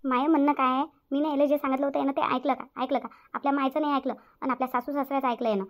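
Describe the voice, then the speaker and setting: Racing along in a high voice with flat delivery and a natural sound, a woman plays a stern, self-pitying middle-aged mother-in-law in a cartoon family drama. Scolding and bitter, the character nags with repetitive rhetorical questions in a Vidarbha Marathi accent. The recording is dull and lo-fi.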